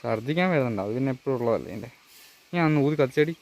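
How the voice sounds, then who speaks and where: A man's voice: medium pitch, animated, racing, vocal fry, a little mellow. A man talking casually to his vlog viewers at home, rambling and searching for words as he goes. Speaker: family vlogger. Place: at home, partly outdoors.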